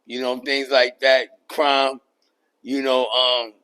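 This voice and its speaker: A middle-aged man, a rapper and producer talking through his career as a podcast guest, relaxed and full of "you know what I mean.". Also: medium pitch, slow, smooth, poor audio. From New York. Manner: laid-back, many fillers like "you know what I mean". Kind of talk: casual interview chat.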